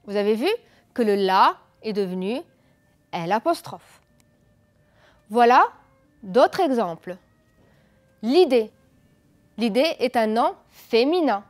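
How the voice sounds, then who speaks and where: A woman's voice: a little high, lively intonation, takes it slowly, pauses often, soft background music. A woman teacher giving a televised school lesson, explaining patiently, asking pupils questions and praising their answers. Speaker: French teacher.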